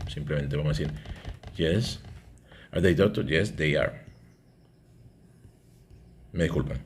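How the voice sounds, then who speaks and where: A man's voice: very deep voice, a little mellow, slight background noise. A man, teaching an English grammar lesson and explaining step by step, often checking in with "¿ok?".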